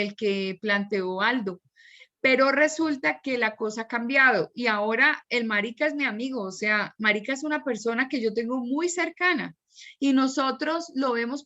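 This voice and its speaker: A woman teaches an online class and explains at length with examples. Her voice is bright and forward. The audio is dull and lo-fi. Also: fairly high pitch.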